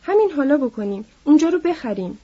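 A woman's voice: high voice, animated. A woman voicing a big, simple-minded, childlike man who pleads eagerly, reading aloud in a storybook. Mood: pleading. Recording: dull lo-fi recording.

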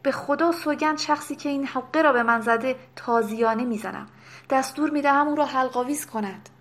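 Woman doing a furious bossy gentleman yelling threats, high and loud, storybook. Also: lightly acted. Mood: furious shouting. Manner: shouting orders and threats. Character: angry commanding gentleman shouting from a quay. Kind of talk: audiobook character reading.

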